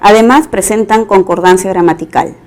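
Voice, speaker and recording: A woman's voice: mid-range voice, normal speed, darkish tone. A woman teaching a recorded grammar lesson, going through exam questions one by one and explaining each choice step by step. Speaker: language teacher.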